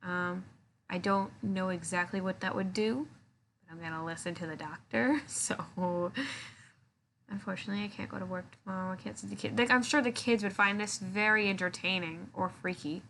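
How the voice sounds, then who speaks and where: A woman with a medium-pitched voice chats casually to her stream viewers. She has a sore jaw and talks without opening her mouth far, yet stays playful and giggly. There is noticeable noise behind her. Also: normal speed, bright, forceful tone. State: sore jaw after wisdom tooth surgery, can't open mouth far. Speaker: live streamer chatting with viewers. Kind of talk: casual chat.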